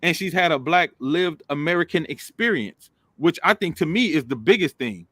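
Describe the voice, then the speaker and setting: A man with a bright, forceful voice, pitched a little high, who keeps circling back to his question in a casual debate. The sound is dry and close, with no room around it. He talks like a host steering the chat. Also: animated, normal speed, dry recording. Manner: persistent, probing questions, says "bro". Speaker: podcast host.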